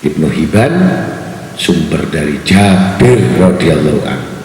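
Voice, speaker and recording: A man's voice: rumbling low, lively intonation, measured pace, darkish tone. A male preacher giving a religious sermon, putting repeated rhetorical questions to his audience. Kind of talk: religious sermon to a study gathering. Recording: very echoey hall with long reverb and faint background noise.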